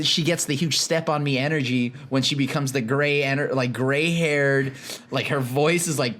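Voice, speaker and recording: A man from California co-hosting a podcast in casual chat, animated and laughing often, with many restarts. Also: on the high side. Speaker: podcast co-host.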